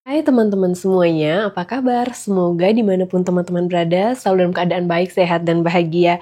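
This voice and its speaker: With faint music in the background, a woman in her thirties talks fairly quickly in a lowish, mellow, fairly even voice that's stuffed up and nasal from a cold. She's a vlogger and mom still getting over the flu, chatting to her viewers often while cooking at home for a relaxed cooking vlog.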